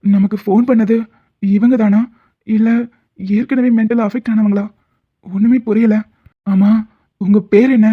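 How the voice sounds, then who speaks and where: A woman plays a righteous male doctor in a cartoon drama, reassuring but firm. The voice sits at a middle pitch, and the recording is tinny and phone-like. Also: steady tone, unhurried, pauses often, natural voice. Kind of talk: cartoon voice acting.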